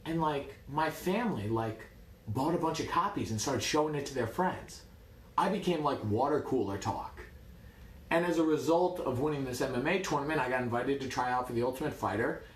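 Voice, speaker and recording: Wry, animated man telling stories. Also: mid-range voice, brisk, roomy sound. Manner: lively, wry, animated storytelling. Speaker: martial arts coach. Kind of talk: casual storytelling.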